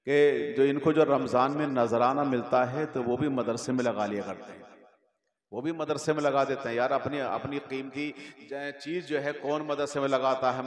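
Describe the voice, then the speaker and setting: A man's voice: mid-range voice, big-room sound. An older man preaching to a gathering in Hindi with a Bhojpuri-region accent, exhorting, repeating phrases and asking the crowd questions. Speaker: Islamic preacher. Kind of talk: religious speech to a gathering. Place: open gathering on a raised stage. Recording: crowd audible at a public gathering.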